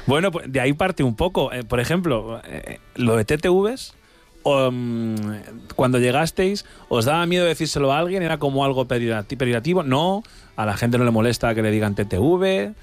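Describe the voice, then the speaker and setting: A man's voice: mid-range voice, expressive, normal speed, soft background music. Male radio host, playful, keeps the chat moving with questions, studio mic. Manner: playful, asks prompting questions. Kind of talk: hosting a radio segment.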